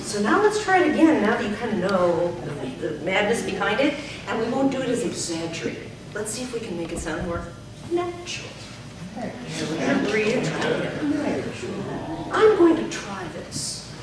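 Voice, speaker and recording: A woman's voice: mid-range voice, expressive, brisk, few pauses, over a noisy crowd. A woman leading a speaking workshop as a speech coach, stretching out syllables when she demonstrates. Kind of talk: teaching a workshop. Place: club meeting room. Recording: echoey room, far from the mic, noisy.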